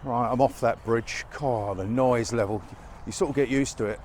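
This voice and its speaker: A man with a medium-pitched, slightly mellow voice narrates a walk-and-talk vlog at a moderate pace, wry and chatty, somewhat breathless and chesty from a cold. He's outdoors in winter fields beside a busy motorway, and faint traffic noise can be heard on his chest-worn mic.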